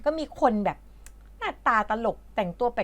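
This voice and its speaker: A woman's voice: normal speed, a bit bright. A woman from Thailand who teaches English, patiently explaining a reading lesson in a chatty way with lots of fillers.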